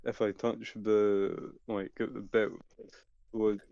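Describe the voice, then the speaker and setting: Flat-voiced man on a dull headset. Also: lowish voice, no echo. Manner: halting, apologetic. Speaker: player. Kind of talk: tabletop game chat. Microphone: headset on an online call.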